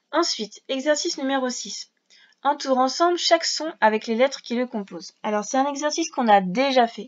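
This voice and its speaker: Woman teacher going slow for little kids, kinda high voice, spells sounds out, lo-fi audio. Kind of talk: reading lesson for young children. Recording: dull lo-fi sound.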